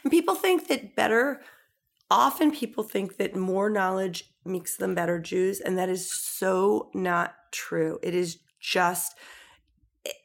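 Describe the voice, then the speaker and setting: A middle-aged woman chats easily as a guest in a slow, gravelly, mid-range voice. She's an animated storyteller who packs in "like" fillers and takes on the voices of whoever she quotes.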